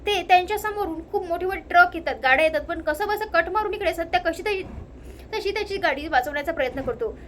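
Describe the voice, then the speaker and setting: A woman's voice: extremely high pitch, fast, fairly bright tone, slight background noise. A woman with a Marathi accent casually recapping a TV serial episode, leaning on the same filler phrases. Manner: repeats filler phrases like "now here". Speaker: narrator retelling a TV serial episode. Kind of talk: casual spoken story recap.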